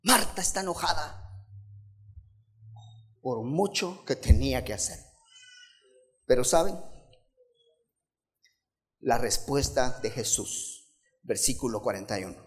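Unhurried expressive man preaching a sermon. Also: mid-range voice. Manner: expressive, rhetorical questions to the congregation.

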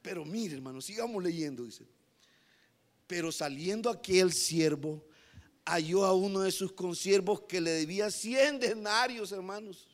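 A man preaching a sermon, moving between hushed passages and emphatic repetition, often addressing his listeners as brothers. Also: high voice, unhurried. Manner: animated, swings from hushed to emphatic, repeats "hermanos".

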